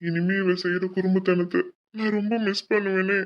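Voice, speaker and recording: A woman's voice: medium pitch, flat delivery, normal speed, muffled recording, close to an everyday voice. A woman voicing a tender, tearful middle-aged father who is seeing his daughter off, in a cartoon. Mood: tender, sad. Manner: soft, tender, choked. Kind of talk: cartoon voice acting.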